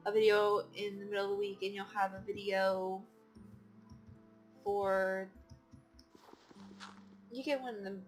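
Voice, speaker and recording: A woman's voice: mid-range voice, flat delivery, unhurried, pauses often, soft background music. A tired woman casually commenting on her game play, rambling with many fillers and restarts. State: tired, yawning. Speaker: gaming channel host.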